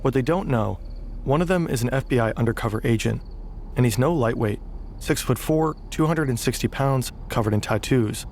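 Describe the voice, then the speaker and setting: A man giving scripted documentary narration with a dramatic, measured delivery. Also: medium pitch, a little mellow, slight background noise.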